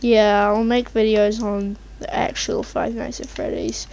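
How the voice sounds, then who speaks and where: A woman's voice: fairly high pitch, flat delivery, unhurried, creaky, a little mellow. A woman casually rambling over her gameplay as a channel host, hesitant and meandering as she thinks aloud. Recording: muffled mic with faint background noise, keyboard typing.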